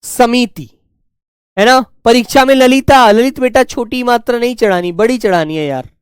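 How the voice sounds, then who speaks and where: A male teacher giving a spelling class, dictating words slowly and repeating each one, talking to pupils in a fatherly way. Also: extremely high pitch, clear, resonant tone, no room sound, clean studio sound. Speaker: Hindi teacher.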